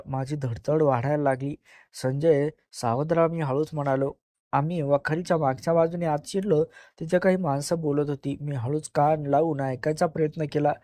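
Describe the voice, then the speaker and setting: Guy reading out a story, slightly high voice, dry close sound, fixes his own slips now and then. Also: warm tone, dry recording. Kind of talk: first-person story narration.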